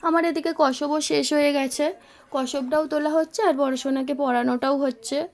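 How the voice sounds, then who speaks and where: A woman's voice: high-pitched, fairly even intonation, moderate pace, a little mellow. A young woman, casually narrating her day of household chores as a mother, recorded on a phone. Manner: chatty, homely narration of daily chores. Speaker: vlogger, mother.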